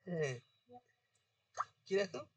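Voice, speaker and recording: A male teacher, dictating notes and quizzing students in an informal lesson, his voice going hoarse. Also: high-pitched, very animated, drawn-out words, a little mellow, dry recording, distant mic. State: voice getting hoarse.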